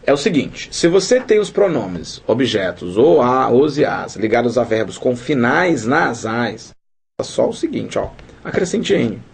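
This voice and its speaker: An unhurried man with a medium-pitched, gravelly, slightly rough voice teaches Portuguese grammar. His lively video lesson is playful and informal, with him addressing the viewer directly and dramatizing student questions.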